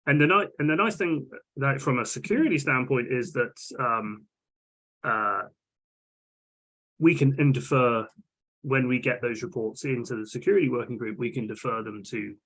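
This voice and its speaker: On an online video call for a technical meeting, the lead of a vulnerability management working group speaks casually, with hesitation, frequent restarts and fillers. He has a medium-pitched, fairly bright voice at normal speed, captured in low quality.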